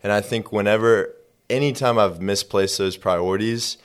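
A man with a low, smooth and resonant voice, talking in a faith-based podcast. He speaks in a measured, reflective way and fills his pauses with soft "uh"s. Now and then he slips in dry, self-deprecating humor. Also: fairly even intonation. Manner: thoughtful, measured, uses fillers like "uh" and "um".

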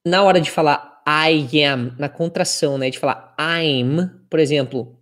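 A woman's voice: sits low, a little slow. A woman teaching English pronunciation in a casual spoken lesson, drilling word pairs and adding laughing asides. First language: Brazilian Portuguese.

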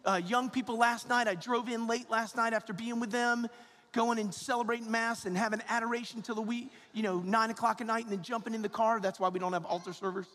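An American man preaches a conversational homily in a high voice, with long church reverb around him. His delivery is informal and halting, repeating phrases and tossing in rhetorical asides like a parish priest. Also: fairly bright tone. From Georgia, United States.

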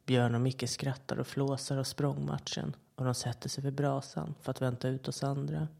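Gravelly, measured horror storyteller. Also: medium pitch. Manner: calm, measured storytelling with short quoted voices. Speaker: podcast storyteller. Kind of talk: scripted horror narration.

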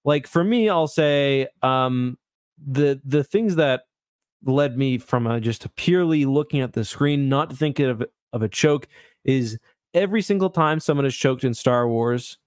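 A man's voice: medium pitch, unhurried, smooth, dry recording, studio quality. A man co-hosting a podcast, explaining at length in a rambling casual chat over a remote call. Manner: rambling, self-correcting explanations. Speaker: podcast co-host.

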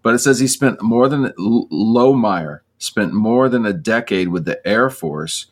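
Male podcast host, very deep voice, chatty and joking. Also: expressive, unhurried. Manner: joking, chatty, laughs between remarks. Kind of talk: casual podcast conversation.

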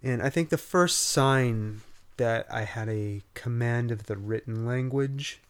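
A man with a mid-range, nasal voice speaks at a measured pace with a clean tone, co-hosting a casual podcast. He jokes dryly at his own expense, recorded on a podcast studio mic.

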